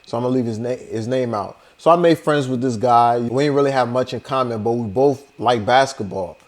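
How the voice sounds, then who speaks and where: A man's voice: medium pitch, a little fast. Young man, casual vlog storyteller, easygoing conversational delivery. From Liberia. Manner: laid-back and conversational, heavy on "you know" and "like". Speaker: vlogger.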